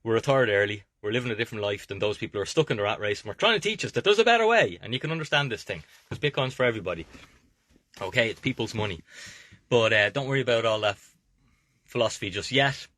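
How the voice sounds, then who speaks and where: A quick-talking Irish man with a lowish, slightly bright voice hosts an investing video from a camper van, coaching viewers in an informal, motivational way. He's emphatic and keeps checking in with "okay?", and there's no room sound.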